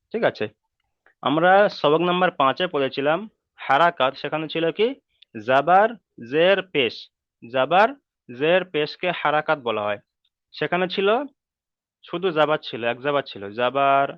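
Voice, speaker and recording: A man's voice: fairly high pitch, dry recording. Patient male reading teacher, lo-fi. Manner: patient, repeats points, checks understanding often. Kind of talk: online reading lesson.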